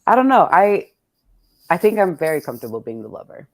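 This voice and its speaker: The recording is low quality, capturing a woman whose voice sits on the low side, swinging widely in pitch at a brisk clip. She's a poet running an event with her readers, thinking out loud in a casual, reflective, playful and colloquial manner.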